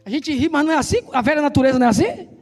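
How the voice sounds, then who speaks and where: A man with a Brazilian Portuguese accent preaching a sermon in a church, talking fast and loud and firing call-and-response questions at the congregation. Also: very high voice, animated. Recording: reverberant church hall with soft instrumental music.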